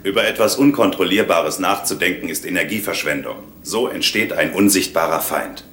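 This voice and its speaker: Proud stern alien warrior officer, very low grave voice, echoey sci-fi tv dub. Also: male voice, fairly bright tone, a little hiss or hum. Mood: grave, stoic. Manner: grave, measured, formal. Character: stern, proud Klingon warrior lieutenant, adult male. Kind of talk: dubbed science fiction TV drama.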